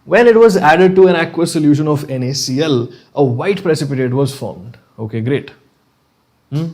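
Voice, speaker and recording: A man's voice: on the high side, moderate pace, darkish tone. North Indian man teaching a live class. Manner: checks in often with short questions and tags; mixes Hindi phrases into English. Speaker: online chemistry teacher. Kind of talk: live class lecture, conversational.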